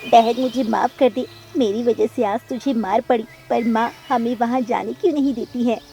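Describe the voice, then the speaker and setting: A woman's voice: a little high, fairly even intonation, moderate pace, dark tone, faint music behind, lightly acted. A woman voicing a young boy sparrow in a cartoon, caring and apologetic toward his sister. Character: gentle young boy sparrow, little brother.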